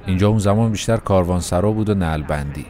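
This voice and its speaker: A man's voice: low voice, mellow, natural voice. A man voicing a frail elderly male former shopkeeper with a weak, thin voice, telling an old tale. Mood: reminiscing. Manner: folksy, storytelling.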